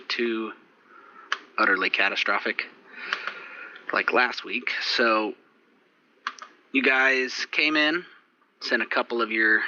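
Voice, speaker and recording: A man recapping last session as game master, relaxed and rambling with fillers, over muffled voice chat audio. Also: lowish voice, background noise. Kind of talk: recapping and running a tabletop game.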